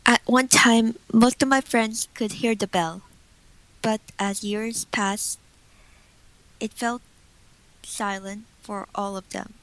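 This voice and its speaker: A woman's voice: on the high side, fairly even intonation, slow, pauses often, a bit bright, rough recording. A teenage girl reading scripted storybook narration for a school radio play.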